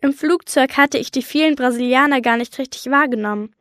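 A woman reading a children's story in lively first-person audiobook narration. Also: sits high, a little fast, dry recording, studio quality. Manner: lively storytelling, voicing a young girl narrator. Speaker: audiobook reader.

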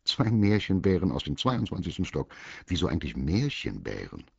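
A man's voice: sits low, wildly swooping pitch, normal speed, creaky, breathy edge, dry recording, lo-fi sound, exaggerated voice. A man voicing a fussy, posh male squirrel in a vest who talks sternly and grandly. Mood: haughty. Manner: stern, grand, a bit condescending.

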